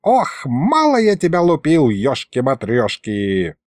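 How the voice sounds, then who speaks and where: A man's voice: medium pitch, huge pitch swings, takes it slowly, darkish tone, dry recording. A man voicing a grumpy, quarrelsome old male ghost wizard who scolds and uses folksy old sayings. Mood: cranky.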